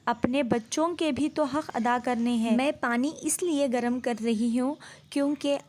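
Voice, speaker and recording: A woman's voice: high voice, fairly even intonation, darkish tone, lightly acted. A woman voicing a dying young mother in a devotional story, speaking her lines tenderly and tearfully in her own voice.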